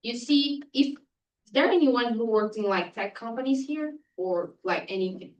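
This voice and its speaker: A woman presenting a startup pitch and answering audience questions in a lively, teasing way. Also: unhurried, lo-fi sound. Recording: echoey room, distant mic.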